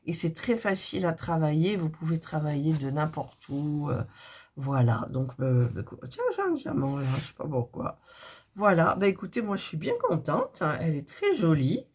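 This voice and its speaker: A middle-aged woman, hoarse and recovering from a cough, chatting softly and thinking aloud as she unboxes cross-stitch kits. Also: low-pitched, very animated, moderate pace. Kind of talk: casual unboxing chat.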